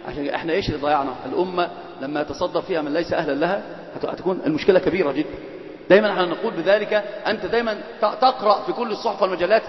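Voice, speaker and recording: A man teaching an Islamic lesson, switching between classical and colloquial speech and teasing and quizzing his students. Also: high-pitched. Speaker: religious teacher. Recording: echoey hall, dull lo-fi sound.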